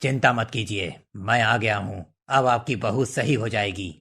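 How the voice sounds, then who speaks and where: A calm tantric holy man in a storybook cartoon, voiced by a man, reassuring and slow. His voice is gravelly and husky. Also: lowish voice, full character voice.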